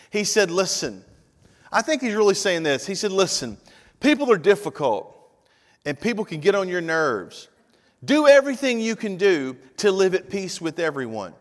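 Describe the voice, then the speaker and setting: A man in his fifties, a pastor preaching a conversational sermon with frequent direct asides to the congregation. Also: sits high. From Tennessee. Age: 50s. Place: church sanctuary. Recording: long reverb of a church hall.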